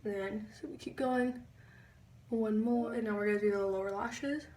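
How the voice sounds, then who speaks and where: A young woman giving a chatty makeup tutorial, pausing as she concentrates. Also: medium pitch, fairly even intonation, a little mellow, distant mic. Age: young adult. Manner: chatty, halting while concentrating. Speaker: beauty vlogger. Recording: echoey room, a bit off-mic.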